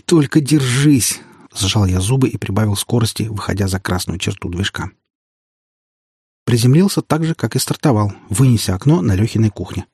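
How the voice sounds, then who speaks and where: A man reading a first-person audiobook in a steady, matter-of-fact manner. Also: fairly low pitch, slightly rough, no echo, clean studio sound. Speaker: audiobook narrator.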